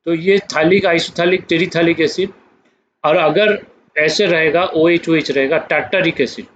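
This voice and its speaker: A man teaching chemistry in a slow classroom lecture, explaining step by step and checking that students follow. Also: fairly high pitch, fairly bright tone. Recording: dull lo-fi recording with faint noise.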